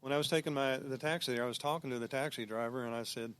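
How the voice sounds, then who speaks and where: A man's voice: medium pitch, racing, clear, resonant tone, dry recording. Easygoing man telling boat stories. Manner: easygoing storyteller, relaxed anecdotes. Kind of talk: casual conversation.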